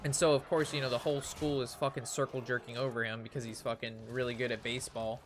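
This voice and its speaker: Talking fast in a flat, medium-pitched voice over slight background noise, a young American man rambles through a casual story for his stream chat while he games. The swearing is liberal and the exaggeration is played for laughs.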